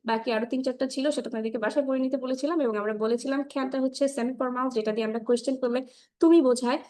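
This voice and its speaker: A woman teaching spoken English in Bengali mixed with English, drilling sounds slowly and often checking in with the class. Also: sits high, steady tone, mellow. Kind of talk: online class lesson.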